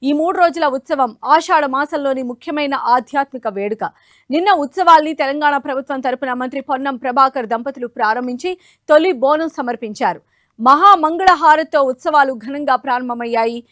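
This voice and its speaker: A woman's voice: high-pitched, brisk, a bit bright, dry recording, clean studio sound. A woman working as a television news anchor, presenting bulletins and questioning a field reporter.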